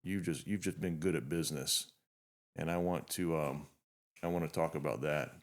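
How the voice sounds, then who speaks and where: An extremely low-pitched man's voice, moving at a moderate pace, introduces a podcast guest. He is a fifty-year-old host, earnest and reflective in this heartfelt opening, and he restarts often.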